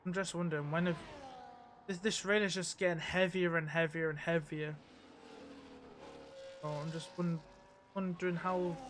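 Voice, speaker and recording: A man's voice: fairly high pitch, a little hiss or hum. A man commentating live on an online race, chatty, often restarting his sentences. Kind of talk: live sim racing commentary.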